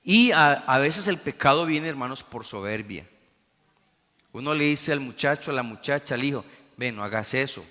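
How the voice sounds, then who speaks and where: Pastor guy preaching, bright ringy voice, big church reverb. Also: a little high, normal speed. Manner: preachy, emphatic, frequent "amén, hermanos". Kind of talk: Sunday school sermon.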